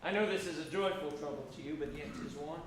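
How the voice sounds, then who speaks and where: A man's voice: a little high, quick pace, natural voice. A man playing a courteous, dutiful Shakespearean noble with formal, projected stage delivery. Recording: echoey theatre, distant microphone, faint noise.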